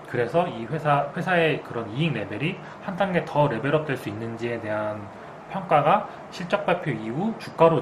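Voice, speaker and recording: A man gives unscripted financial commentary in a medium-pitched voice. He talks through a mask and often reconsiders his wording as he explains. A clear hiss of air conditioning runs behind him. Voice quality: speaking through a face mask. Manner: explanatory, hedges his word choices. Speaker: co-host and market commentator. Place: makeshift indoor room, not a studio.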